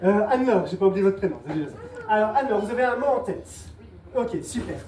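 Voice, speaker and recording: A woman's voice: mid-range voice, lively intonation, fast, mellow. A woman performing a mentalist act on stage, playfully guiding audience volunteers and patiently repeating her instructions. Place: live show venue with audience. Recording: echoey, distant mic, noisy live room.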